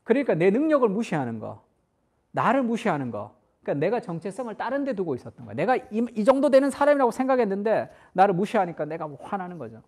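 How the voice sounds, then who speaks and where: Lively middle-aged male pastor preaching. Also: high voice, fast. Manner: lively, conversational preaching that swings between formal and casual speech. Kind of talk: Sunday sermon.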